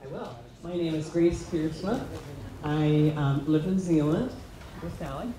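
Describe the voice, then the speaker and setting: A woman's voice: low-pitched, a little slow, dark tone. An American woman informally introducing herself to an audience at a live event. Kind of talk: informal public self-introduction. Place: event tent with seated audience. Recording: very echoey tent, faint noise.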